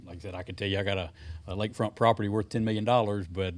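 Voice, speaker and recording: A man with a fairly low voice chairs a county board meeting. He keeps his remarks brief and agreeable and moves things along with procedural phrases. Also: fairly even intonation, very fast.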